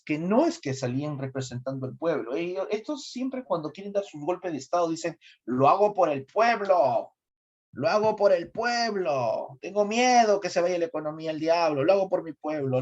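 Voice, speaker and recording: A middle-aged man with a Peruvian accent giving a lively history lecture, quizzing his students as he goes. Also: on the high side, normal speed. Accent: Peruvian Spanish. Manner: asks students questions, animated. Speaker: history teacher. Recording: slightly dull lo-fi recording.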